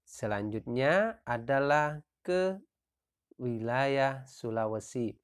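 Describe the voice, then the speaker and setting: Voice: mid-range voice, lively intonation, takes it slowly, smooth. A teacher narrating a primary-school lesson video, reading out long lists of names one at a time.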